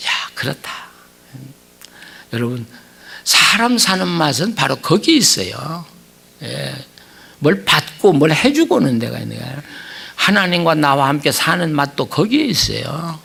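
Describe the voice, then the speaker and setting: Gravelly older man preaching. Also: a little high, big pitch swings, measured pace, pauses often, pushed and bright. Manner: storytelling, chuckling, then earnest prayer. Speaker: revival preacher. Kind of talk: sermon. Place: church revival meeting.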